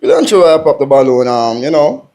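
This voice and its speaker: A man's voice: on the high side, very animated, quick pace. Blunt young Jamaican man. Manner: blunt, teasing, speaks loudly at times. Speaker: contestant on a dating show. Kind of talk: blunt dating-show critique.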